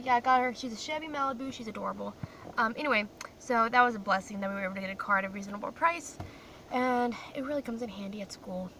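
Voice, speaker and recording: Parked in her car, a young woman raised in Croatia vlogs into her phone, chatty and rambling and quick to laugh at herself. Her voice is on the high side, bright and pushed. The audio comes from a distant mic with faint car noise.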